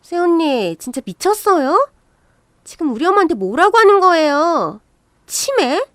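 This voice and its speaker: A woman voicing a quick-tempered young sister-in-law who talks in a shrill, indignant, whiny way. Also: huge pitch swings, no room sound, clean studio sound, heavily acted.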